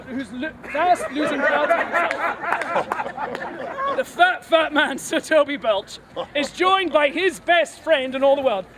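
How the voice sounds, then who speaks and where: Homme très aigu et joueur devant une foule. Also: male voice, extremely high pitch. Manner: playful, giggly, feeds lines for volunteers to repeat. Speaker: street performer narrating a play. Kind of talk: comic improvised storytelling to a crowd. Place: outdoor fair stage. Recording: outdoor crowd audible.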